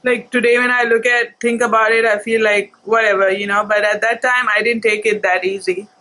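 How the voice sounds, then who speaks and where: A woman vlogger telling personal stories casually, in a halting, reflective, unhurried way. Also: a little high, flat delivery, sharp tone, poor audio.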